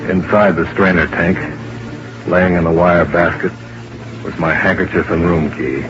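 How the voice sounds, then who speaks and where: A hard-boiled radio private eye with a low, deep voice. His narration is terse and clipped, like a vintage radio drama. It comes through a muffled old broadcast with steady hiss. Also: measured pace. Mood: tense. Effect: old-time radio broadcast. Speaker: insurance investigator and narrator. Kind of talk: 1950s radio drama acting.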